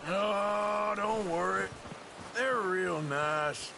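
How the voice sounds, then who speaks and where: An actor playing a threatening, dryly mocking Old West outlaw with an American Western drawl in a video game. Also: male voice, sits high, very slow, vocal fry, noisy background, exaggerated voice. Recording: loud music behind the voice.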